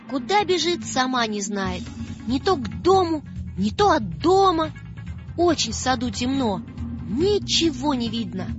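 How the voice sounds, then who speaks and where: Slow, expressive woman reading a children's tale. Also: on the high side. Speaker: storyteller. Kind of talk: scripted storybook narration. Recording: dull lo-fi sound with faint music.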